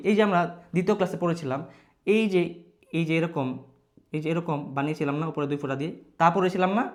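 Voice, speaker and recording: A patient male teacher, speaking a touch higher than most men. He spells out letters and syllables one by one, repeats them over and over for his students, and drops English words into his talk. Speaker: Quran reading teacher. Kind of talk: online reading lesson.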